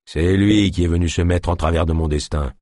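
A man voicing a brutish, contemptuous man who talks in a gruff, dismissive way. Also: deep voice, steady tone, fairly quick, a little mellow, dry recording, studio quality, lightly acted.

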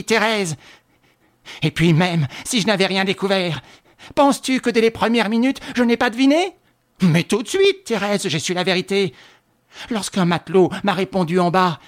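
In an audiobook, a man voices a furious woman who shrilly shouts at her friend, accusing her of murder.

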